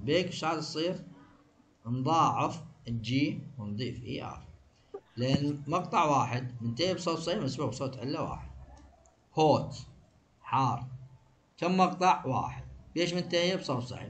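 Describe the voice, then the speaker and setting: A man with an Iraqi Arabic accent teaching an exam review, firing quick questions and answering them himself. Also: on the high side, slight background noise. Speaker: English teacher.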